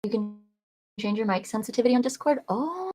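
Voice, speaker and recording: Soft-voiced woman on a call. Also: a little high, expressive, a little fast. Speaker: quiz contestant. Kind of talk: casual streamed quiz chat.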